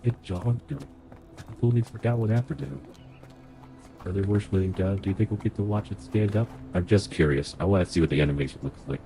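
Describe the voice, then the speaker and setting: Soft background music plays under a rough recording of a young man streaming a game, chatty and thinking aloud in live playthrough commentary. Sick and nasal, he speaks briskly in a fairly low, gravelly, warm voice.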